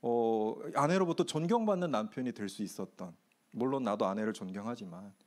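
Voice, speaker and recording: A man's voice: fairly low pitch, animated, fairly quick, a little mellow. A middle-aged man, a pastor, candidly telling a self-mocking personal story during a youth retreat Q&A.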